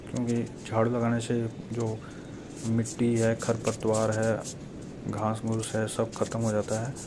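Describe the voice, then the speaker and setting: Young male gardening vlogger, plain even delivery, casual narration, outdoor birds behind. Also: mid-range voice, noisy background. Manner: addresses viewers as friends, steady explanatory tone. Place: rooftop terrace garden outdoors.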